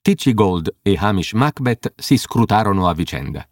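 A man's voice: on the low side, very animated, normal speed, dry recording, clean studio sound. A man narrating an audiobook expressively.

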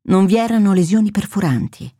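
Steady woman narrating a thriller. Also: mid-range voice, no echo, clean studio sound. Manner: measured, steady storytelling. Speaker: audiobook narrator. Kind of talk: scripted narration.

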